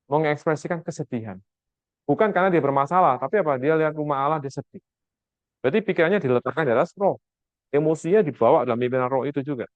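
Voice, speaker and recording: A man's voice: fairly high pitch, no echo. A man teaching a Bible class over a video call, with an Indonesian accent, quizzing his students and acting out the quotes he tells. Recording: dull lo-fi video call audio.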